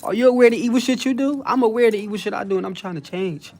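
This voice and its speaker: A man's voice: high voice, very fast, creaky, a little mellow. A young man, talking casually to his livestream chat. He brags in heavy street slang, swears freely and reads out viewers' messages as he goes. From New Jersey. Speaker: livestream host.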